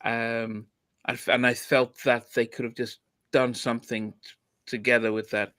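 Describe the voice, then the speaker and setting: A man's voice: mid-range voice, level tone, normal speed, a bit bright, clean tone, dry recording. A man hosting a podcast, chatting casually about an album with lots of restarts. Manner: hesitant, many restarts and fillers. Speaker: podcast host. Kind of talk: casual music review chat.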